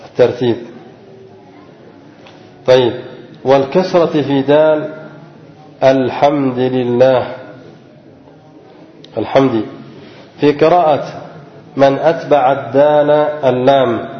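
A male teacher giving a lecture on a classical grammar text: he reads a passage aloud, then explains it slowly and quizzes his students. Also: medium pitch, steady tone. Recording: dull, echoey recording in a large hall.

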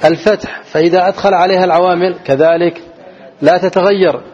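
A man's voice: high-pitched, steady tone, a little fast, darkish tone. Man teaching grammar, lo-fi recording. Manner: asks the students questions and answers them himself, repeats key words. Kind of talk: classroom grammar lesson with call-and-response questions. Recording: dull lo-fi recording.

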